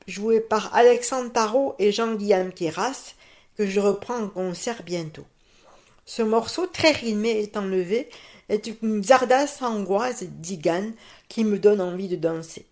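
A woman, a pianist and teacher calmly answering radio interview questions. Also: mid-range voice. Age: 50s.

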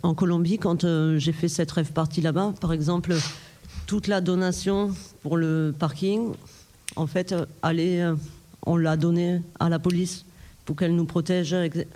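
A man in a casual group chat who talks in a drawn-out way and tags phrases with fillers. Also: fairly high pitch, flat delivery, dark tone.

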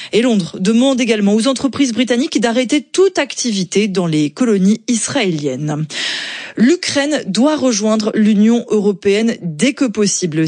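A woman reading the radio news in a clear, measured way from a studio. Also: medium pitch, a little mellow, dry recording. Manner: clear, measured newsreader delivery. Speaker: news presenter. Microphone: studio microphone.

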